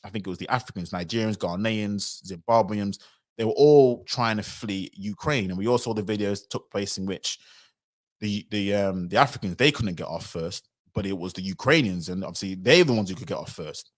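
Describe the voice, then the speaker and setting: A man giving animated livestream commentary, sometimes acting out other people's voices. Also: lowish voice, brisk. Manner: animated, acts out quoted voices.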